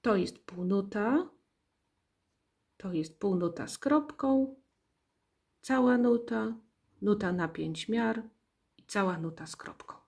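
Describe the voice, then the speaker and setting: A woman's voice: mid-range voice, animated, slow, creaky, pauses often, darkish tone, husky. A woman teaching a music rhythm lesson, explaining note values patiently and counting beats aloud. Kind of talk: slow, deliberate classroom explanation.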